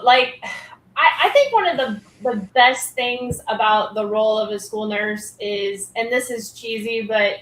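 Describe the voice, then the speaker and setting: A woman appears as a guest on a podcast, talking about school nursing and school health programs in a casual, upbeat interview. Her voice is on the high side and a bit bright, packed with fillers, and the room sounds echoey.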